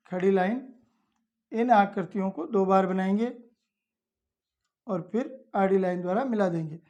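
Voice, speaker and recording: A woman's voice: medium pitch, warm tone. A woman teaching young children, explaining each step patiently and repeating it plainly. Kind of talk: slow step-by-step lesson for children.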